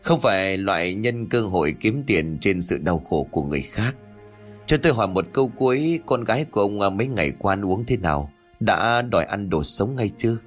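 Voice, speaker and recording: Storybook figure: a man playing a stern old exorcist, measured and grave, husky voice with lively rises. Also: lowish voice, soft background music, voice pushed up. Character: calm older male exorcist, stern and knowing.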